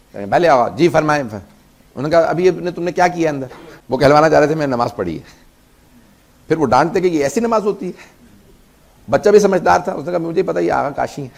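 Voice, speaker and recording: High, gravelly-voiced male preacher. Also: darkish tone. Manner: storytelling with acted dialogue, rising to emphatic peaks. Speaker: Islamic preacher. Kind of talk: sermon storytelling.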